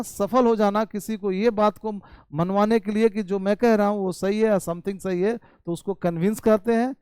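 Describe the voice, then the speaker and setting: High-voiced Indian English teacher. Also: male voice, smooth, dry recording. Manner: reads English sentences slowly and deliberately, explains in quick Hindi; addresses viewers warmly as "bhai" and "babu". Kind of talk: spoken English lesson in Hindi.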